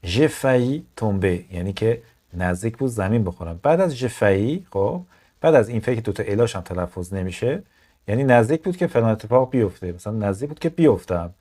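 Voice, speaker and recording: Persian guy teaching french, lowish warm voice, reads lines out slow then explains, talks to viewers like kids. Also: lively intonation. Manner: addresses viewers as kids, asks them questions. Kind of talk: language lesson explaining a French news article.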